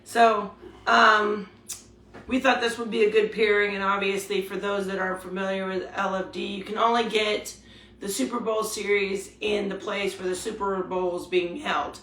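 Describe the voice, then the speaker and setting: A speaker in a relaxed chat about cigars, heard with a big echo around the voice and fillers between phrases. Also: medium pitch, normal speed, recorded from a distance, a little hiss or hum. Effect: big echoey room sound on the voice. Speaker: cigar reviewer. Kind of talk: casual product chat.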